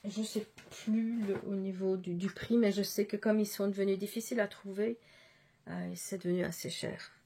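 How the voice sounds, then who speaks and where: A woman's voice: mid-range voice, fairly even intonation, moderate pace, mellow, breathy edge. A woman chatting through a casual show-and-tell vlog, hesitant and often restarting her words. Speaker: cross-stitch vlogger.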